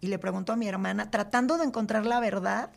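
A woman speaks as an interview guest in a voice of middling pitch. She tells her story earnestly and haltingly, filling pauses with "este" and "eh". She often sinks into a quiet, subdued tone. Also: fairly even intonation, gravelly. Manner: earnest, halting, with frequent fillers. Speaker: podcast guest.

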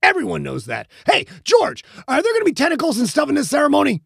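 A man voicing a crass, dim-witted young football player who talks loudly and crudely. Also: extremely high pitch, huge pitch swings, quick pace, gravelly, dry recording, clean studio sound, pitched above the performer's own voice, heavily acted. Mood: crude goofy. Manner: loud, crude, rambling.

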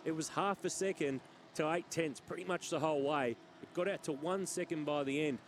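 An Australian man works as a motorsport commentator, calling the race live. His voice sits a little high for a man, and he delivers positions and gaps in short, punchy bursts. Car engines and trackside sound are clearly heard behind him. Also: a little fast, slight background noise. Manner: calls positions and margins in short punchy phrases. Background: race cars, outdoor circuit ambience.

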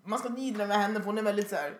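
A young woman, casually chatting and retelling stories with lively acted quotes. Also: mid-range voice, a little hiss or hum. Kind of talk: casual chat, storytelling. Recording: echoey room.

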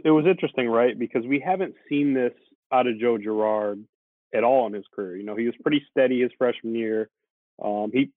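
A man's voice: medium pitch, no room sound. An easygoing man from the Syracuse area chats as a sports reporter guest, filling his sentences with hedges. His voice comes through a narrow, tinny phone line. The sound is dry and close, with no room around it. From Syracuse, New York area, USA. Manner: easygoing, talks it through with many hedging fillers. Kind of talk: casual podcast chat.

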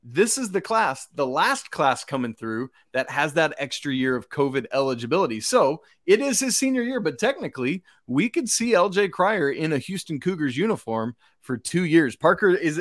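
A man's voice: a little high, big pitch swings, normal speed, few pauses, no room sound, clean studio sound. A man with a Georgia accent hosting a sports podcast, exclamatory and folksy, addressing listeners like buddies. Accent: Georgia, American South. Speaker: podcast host.

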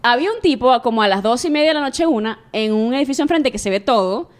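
A woman, a sports journalist chatting casually on a podcast and telling lively stories. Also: on the high side, quick pace. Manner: lively storyteller, acts out friends' voices.

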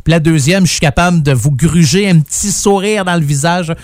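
Chatty high-voiced radio host. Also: male voice, brisk, no echo, studio quality. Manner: chatty, jokey, rambling with many fillers. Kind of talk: casual radio show patter.

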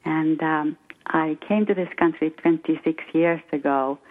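A woman's voice: low-pitched, steady tone, unhurried. A middle-aged woman from Finland with a Finnish accent, a guest financial coach talking hesitantly with many fillers in an interview. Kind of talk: casual interview talk. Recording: tinny phone-like line.

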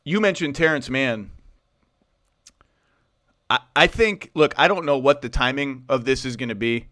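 A man hosting a casual sports podcast, animated and rambling, tired from too little sleep. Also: mid-range voice, a little slow, no echo, studio quality. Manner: animated, rambling, asks long questions. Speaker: podcast host. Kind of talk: casual basketball podcast talk.

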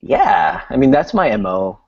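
A man's voice: medium pitch, big pitch swings, unhurried, vocal fry, crowd noise. A man from Sri Lanka co-hosting a travel podcast, chatting casually and laughing between phrases. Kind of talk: casual chat. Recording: dry, muffled lo-fi podcast audio.

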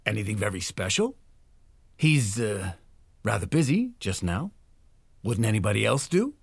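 A gravelly, brusque shoe-shop boss. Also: male voice, lowish voice, very animated, normal speed, no echo, studio quality, exaggerated voice. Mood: smooth evasive. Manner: brusque, bawling. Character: short stout pushy male shoe-shop boss. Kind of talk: audio drama acting.

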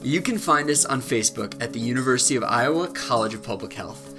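Relaxed young man co-hosting a podcast. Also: medium pitch, music in the background. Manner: relaxed, halting with fillers. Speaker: podcast co-host. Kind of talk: casual podcast chat. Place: studio.

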